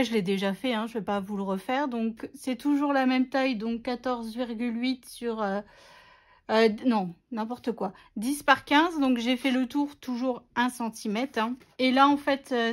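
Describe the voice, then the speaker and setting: A woman narrating a scrapbooking tutorial in a chatty, self-mocking way, with many fillers. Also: fairly high pitch. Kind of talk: casual craft tutorial narration.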